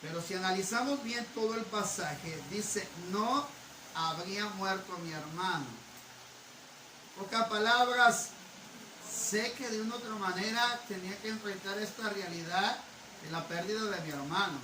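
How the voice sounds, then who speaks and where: Male preacher, builds to shouted repetition; roomy, echoey church sound. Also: sits high, moderate pace. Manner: builds from calm teaching to shouted fervor, repeating phrases. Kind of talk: Pentecostal-style sermon. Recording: echoey hall, preacher far from the mic, noisy.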